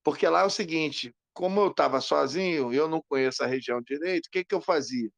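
Man, gravelly, fairly high voice, dry close mic, animated storytelling. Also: quick pace, no echo. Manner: animated, acts out quoted lines. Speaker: podcast co-host. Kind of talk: casual storytelling.

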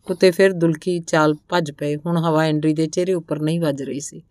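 Woman reading a novel aloud, lowish voice. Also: no echo, clean studio sound. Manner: even, measured storytelling. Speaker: narrator.

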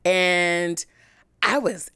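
A young woman hosting a podcast, telling a candid personal story in a frank, chatty way, full of "like" and animated swings in pitch. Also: extremely slow, smooth, no room sound, clean studio sound. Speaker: podcast host.

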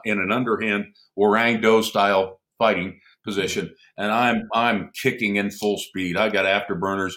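A middle-aged man, a former airman, telling lively anecdotes in a casual conversation and chuckling often. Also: fairly low pitch. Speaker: podcast guest, former military airman.

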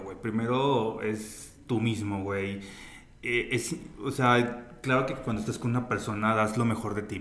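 A man's voice: medium pitch, fairly bright tone. Mexican guy chatting loose and slangy, lots of güey, echoey room. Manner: slangy storyteller, peppers speech with güey. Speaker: guest. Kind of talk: casual chat. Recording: roomy echo, faint ambience.

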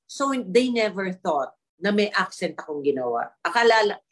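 A middle-aged actress chatting casually as a guest, telling animated stories and laughing often, slipping English into her talk. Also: medium pitch, normal speed. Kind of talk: casual chat in an online interview.

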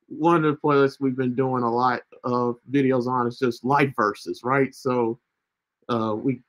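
A man in his thirties hosting a casual faith livestream, chatty and loose, often tagging his sentences with "right?". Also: mid-range voice. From United States. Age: 30s. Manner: chatty, repeats himself, keeps asking "right?". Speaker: ministry livestream host.

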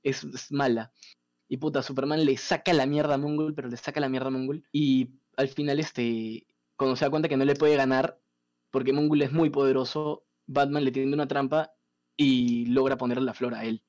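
A man, casually retelling a comic story as a podcast host, animated and profane. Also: mid-range voice, fairly quick, dull audio.

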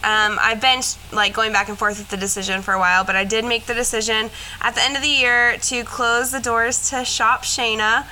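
A woman's voice: on the high side, level tone, fairly quick, sharp tone, slight background noise, poor audio. A young woman chatting candidly as a podcast host, rambling with fillers and the odd curse, emotional and close to tears at times. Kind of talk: casual personal chat.

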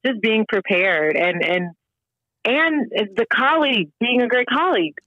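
Heard through narrow, tinny, dry audio, this Southern American woman from Georgia speaks in a fairly high voice at a measured pace. She's an opera singer guesting on an interview, lively and casual, laughing frequently and filling gaps with fillers.

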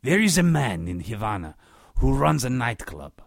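A man doing a gravelly, flustered Latin host. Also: mid-range voice, very animated, normal speed, no room sound, studio quality. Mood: courteous. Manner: flustered, courteous, searching for English words. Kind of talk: audio drama acting.

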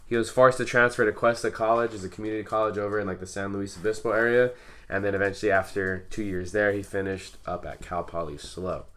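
A man co-hosting a podcast, relaxed, talking through background notes and laughing easily. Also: fairly low pitch, quick pace. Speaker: podcast co-host. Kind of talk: casual storytelling chat.

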